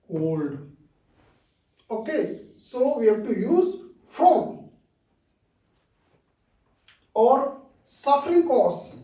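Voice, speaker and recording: A man's voice: very high-pitched, warm tone. A man with an Indian accent giving an English lesson, repeating key phrases and checking in with "okay" again and again. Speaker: English teacher. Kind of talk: slow explanatory lesson. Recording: roomy echo, distant mic.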